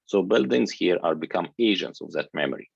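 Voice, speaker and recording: A man from Egypt delivers a conference lecture in a very low, gravelly voice with a husky edge. He talks earnestly and haltingly, often restarting his phrases. The sound is dry and dull, like a lo-fi recording. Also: expressive, no room sound. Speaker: architecture researcher giving a talk.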